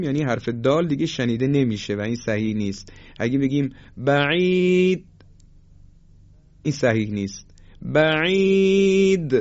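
A man teaching a Quran recitation lesson. He speaks patiently and politely, and he slows down to stretch out each example word. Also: mid-range voice, a little mellow, dull audio.

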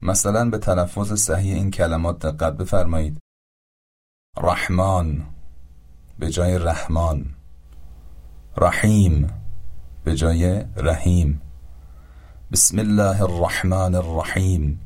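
A man's voice: low-pitched, fairly even intonation, a little mellow. A man teaching Quran pronunciation, explaining and carefully demonstrating each sound by repeating words. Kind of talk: instructional explanation.

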